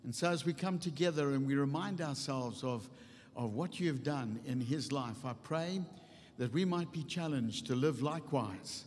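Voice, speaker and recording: An older male pastor leads an earnest public prayer from a lectern on a church stage, his mid-range, slightly mellow voice moving at normal speed through unscripted, repeating phrases. A stand-mounted microphone at the lectern picks him up, and a long hall reverb fills the recording.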